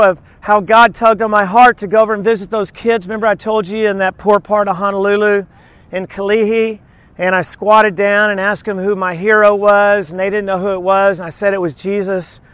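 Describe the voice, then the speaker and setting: This preacher's voice is high, clear, and resonant, at normal speed with no room sound. He gives an informal, conversational sermon, teaching through lively personal stories and acted-out little quotes.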